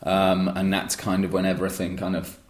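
A man with a deep, low voice talks at length in an interview about starting his own rum brand. His answers wander and restart, dotted with fillers. The room around him rings with echo. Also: completely flat delivery, fairly quick. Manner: rambling with frequent restarts and fillers. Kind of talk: conversational interview.

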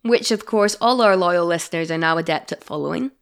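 A female podcast co-host chats in a casual way and teases her partner playfully. Her voice sits low for a woman and carries a gravelly fry. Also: a little fast. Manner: teasing, playful.

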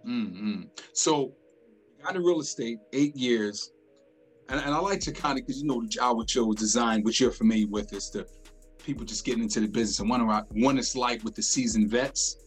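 A man's voice: mid-range voice, a little fast, soft background music, low-quality recording. A man hosting a real estate interview show, encouraging his guest with short affirmations.

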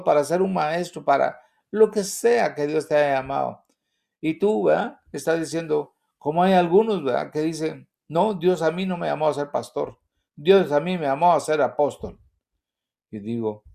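A man's voice: a little high, gravelly, a little mellow. An older man, a pastor, preaching an earnest testimony sermon full of repetition and rhetorical questions.

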